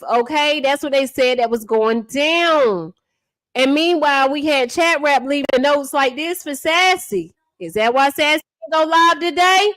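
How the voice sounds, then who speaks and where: A sassy woman streamer roasts someone for her live chat, mocking and teasing and calling everyone honey and baby. Her voice sits high. The sound is dry and close, with no room around it. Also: fairly bright tone, dry recording, low-quality recording. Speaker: livestream gossip host. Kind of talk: casual commentary to a live chat.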